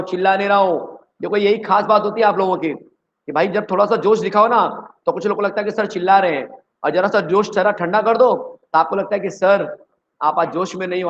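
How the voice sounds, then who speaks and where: A man from India teaching chemistry in an energetic online exam-prep lecture, who keeps quizzing his students. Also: high-pitched, lo-fi sound, a little hiss or hum.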